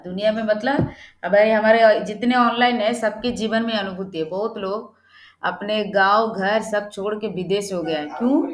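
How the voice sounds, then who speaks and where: A fairly high-pitched woman leads an online prayer meeting in a loose, chatty preaching manner. She keeps checking that her listeners agree with her. Her voice carries a roomy echo. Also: a bit bright. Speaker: prayer leader.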